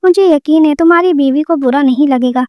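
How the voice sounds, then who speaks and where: A woman's voice: sits high, no room sound, lo-fi sound, lightly acted. A woman voicing a scheming city rival. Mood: falsely innocent. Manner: taunting, falsely innocent.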